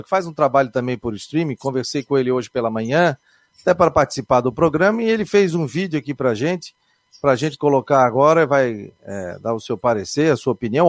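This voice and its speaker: A man hosting a casual football discussion show, with drawn-out emphatic exclamations. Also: mid-range voice, no echo. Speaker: sports show host.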